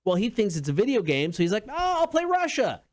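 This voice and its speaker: A podcast co-host tells stories in casual chat, his voice high and swinging wildly in pitch. He talks fast with slangy, emphatic enthusiasm, and there's no room sound at all.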